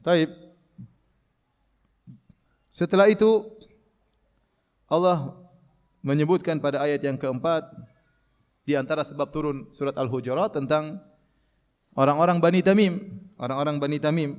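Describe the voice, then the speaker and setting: Male preacher, high-pitched, animated sermon, lecture hall with long reverb. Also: smooth. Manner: animated, mimics shouting callers with raised voice; recites Arabic verses slowly. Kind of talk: Quranic commentary lecture.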